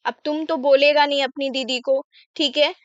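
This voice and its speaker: A woman teaching English words in Hindi, explaining slowly and often checking in with the listener. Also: high-pitched, fairly even intonation, no echo, highs cut off. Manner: repeats "ठीक है" often, slow careful explaining.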